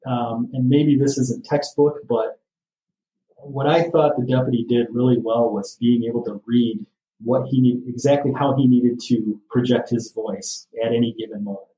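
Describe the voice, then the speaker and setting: A man's voice: mid-range voice, steady tone, moderate pace, warm tone. A man in a casual podcast interview, talking in an easygoing, matter-of-fact way with lots of "you know". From Michigan. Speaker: sheriff's office captain, guest. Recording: roomy, distant from the mic.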